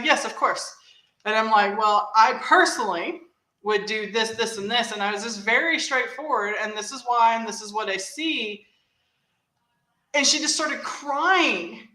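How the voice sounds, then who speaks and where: A woman hosting a casual chat, telling stories in an animated way and laughing easily. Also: mid-range voice, reverberant, poor audio. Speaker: host.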